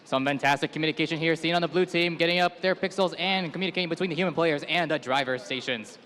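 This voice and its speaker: A man's voice: fairly high pitch, quick pace, a bit bright, a little hiss or hum. A man co-commentating a live competition as a hype announcer, trading calls with his partner.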